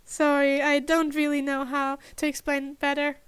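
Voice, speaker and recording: A woman's voice: sits high, monotone, moderate pace, no echo, close to an everyday voice. A woman voicing a goofy teenage boy. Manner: cheeky, teasing.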